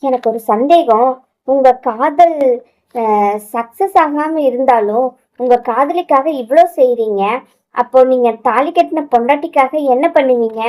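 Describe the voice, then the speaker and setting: A woman's voice: high-pitched, a little slow, a little mellow, poor audio. A woman voicing a shy young wife in a romantic audio story, hesitant and stammering. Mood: hesitant, pleading.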